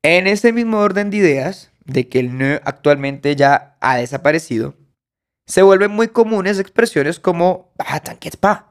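Smooth-voiced man teaching French. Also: fairly high pitch, animated, measured pace. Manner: explanatory, with frequent restarts and French example phrases. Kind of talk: podcast language lesson.

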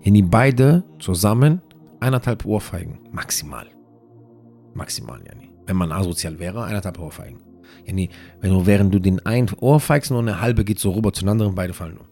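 Low gravelly guy giving religious advice, earnest and repeats himself a lot, faint music under it. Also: expressive, brisk, warm tone. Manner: earnest, repetitive, mixes in Arabic religious phrases. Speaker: host of a religious audio series. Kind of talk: informal religious advice talk.

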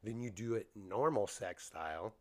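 A man co-hosting a casual podcast, rambling through halting explanations while getting over a bronchial cough. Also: fairly low pitch. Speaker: podcast co-host.

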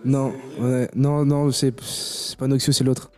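A young man, a guest beatmaker on a podcast, relaxed and joking, often repeating his words. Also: medium pitch, slow pace. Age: young adult. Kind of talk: casual chat.

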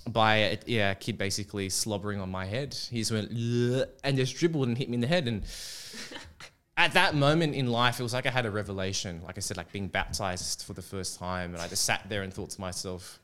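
A man with a bright, forceful voice sitting in for a casual interview. He tells long anecdotes in a joking, self-mocking way. His pitch sits a little low for a man. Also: brisk.

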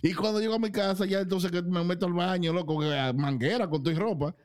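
A young adult man, telling a funny story in casual chat with lively, laughing delivery. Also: sits high, brisk.

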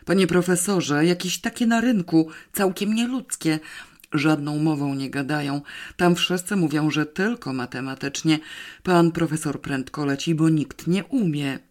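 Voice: mid-range voice, a little slow, lightly acted. A narrator doing a panting, eager teenage boy.

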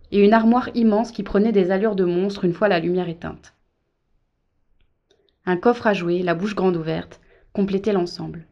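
Mellow woman reading a story aloud. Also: fairly low pitch, lo-fi sound. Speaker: audiobook narrator. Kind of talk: scripted narration.

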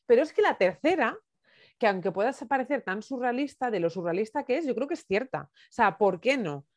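A woman hosting an interview, expressive, laughing and thinking aloud as she guesses. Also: fairly high pitch, fairly quick, no echo, clean studio sound. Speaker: interviewer, host. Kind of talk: casual conversational interview.

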